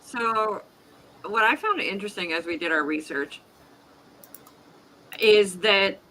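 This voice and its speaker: A woman's voice: medium pitch, slow pace, bright, forceful tone, a little hiss or hum, poor audio. A woman co-hosting a casual livestream over a video call, teasing her co-host and laughing often.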